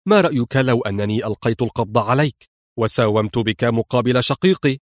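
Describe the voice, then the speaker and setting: A man's voice: medium pitch, fast, dry recording, clean studio sound, lightly acted. A man reading an audiobook and voicing a cool, sarcastic adult male hero.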